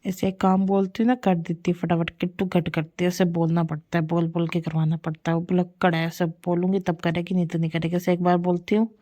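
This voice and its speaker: Speaking briskly with hardly any pauses, a woman with a lowish, warm, level-toned voice narrates her family clips for a casual vlog. As a mother, she rambles and dotes over her children's antics, often repeating herself.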